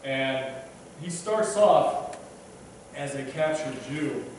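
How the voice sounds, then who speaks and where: A preacher in his thirties gives a casual sermon from the pulpit, chatty and self-deprecating, with many restarts and fillers as he stumbles over words now and then. His medium-pitched voice is lively in intonation but slow. A distant camera captures the pulpit mic in an echoey church, with a little hiss or hum.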